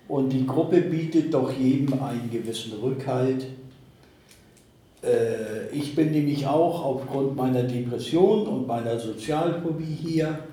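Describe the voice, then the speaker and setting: A man in his sixties, a resident chatting in a group conversation, slow and deliberate. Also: mid-range voice, mellow. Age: 60s. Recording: echoey room.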